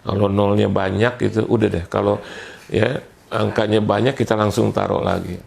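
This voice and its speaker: A male pastor delivers a storytelling sermon. His voice sits low and carries heavy fry. He jokes along the way and acts out the voices of the people in the story. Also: normal speed, a little hiss or hum. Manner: animated, acts out quoted voices, jokey.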